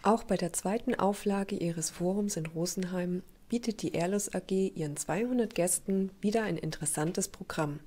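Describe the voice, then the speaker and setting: A woman reporter narrating a trade-event news segment and asking interview questions in a measured way. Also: fairly low pitch, dark tone. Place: lecture hall event.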